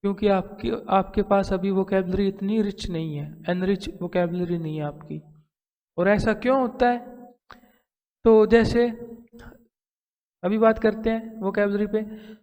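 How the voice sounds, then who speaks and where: A man's voice: high voice, fairly even intonation, a little slow, long pauses, a little mellow, long reverb tail, dull audio. A man teaching English grammar and pronunciation, explaining step by step and asking rhetorical questions as he lectures. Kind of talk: classroom lecture. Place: school classroom.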